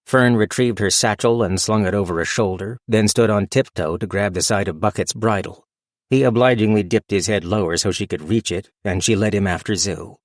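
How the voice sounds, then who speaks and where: A man reading a fantasy audiobook as narrator in a steady, measured storytelling manner. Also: on the low side, dry recording, studio quality. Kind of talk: scripted narration.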